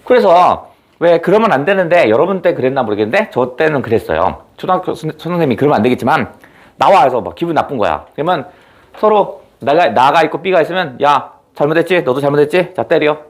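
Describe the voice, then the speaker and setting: A man's voice: a little high, big pitch swings, fast talker. A young adult man giving an exam-prep literature lecture in a chatty way, asking students rhetorical questions and acting out lines. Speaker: Korean literature teacher.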